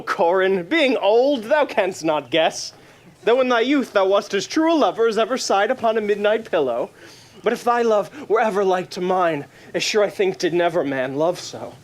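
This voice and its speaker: A self-dramatizing, lovesick young shepherd, acted by a man in stage Shakespeare. The voice is remarkably high for a male, and the delivery is impassioned and declamatory. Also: animated, moderate pace. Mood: yearning.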